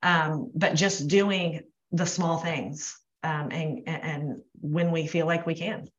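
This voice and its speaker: A woman's voice: deep voice, fairly even intonation, takes it slowly, echoey room, highs cut off. A woman fitness coach giving earnest advice in a casual podcast chat.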